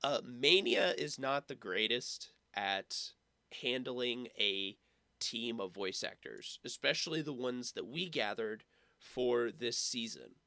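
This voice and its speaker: A man's voice: medium pitch, expressive, slow pace, creaky, bright, forceful tone, dry recording. A man hosting a watch party with casual, conversational commentary. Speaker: watch party host, former production team member.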